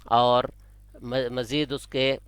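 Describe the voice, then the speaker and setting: A man's voice: medium pitch, level tone, clear, resonant tone, no echo. Patient Urdu-speaking man teaching Arabic. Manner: patient, repeats each word twice for learners. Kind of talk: online language lesson.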